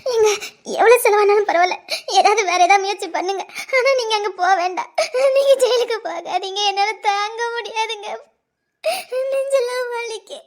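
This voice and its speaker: Woman as heartbroken young woman, sobbing and begging; very high, thin voice. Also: moderate pace. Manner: sobbing, begging, repeating herself. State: crying. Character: heartbroken young woman clinging to her departing lover. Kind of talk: Tamil web drama voice acting.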